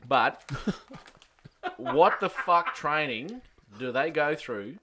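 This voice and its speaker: A man's voice: a little high, animated, very slow, sharp tone, a little hiss or hum. An Australian man chatting casually and bluntly, swearing freely as he banters.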